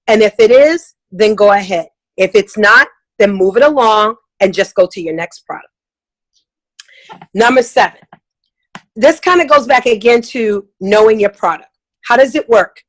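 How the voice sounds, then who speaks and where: A woman's voice: mid-range voice, animated, normal speed, poor audio. A middle-aged woman giving a casual, emphatic talk as a sales trainer, now and then acting out customer voices.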